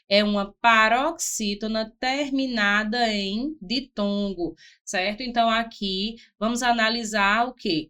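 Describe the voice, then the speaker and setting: Woman teacher, fairly high voice, didactic exam-prep delivery that breaks words into syllables. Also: a bit bright, clear, resonant tone. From Brazil. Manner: didactic, spells out syllables, frequent "ó" and "certo?". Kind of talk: exam-prep grammar lesson.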